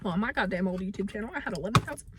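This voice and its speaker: A woman's voice: mid-range voice, expressive, racing, fairly bright tone, slight background noise. A young woman chatting casually in a car, making crude, offhand jokes while eating. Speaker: vlog co-host. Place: inside a car.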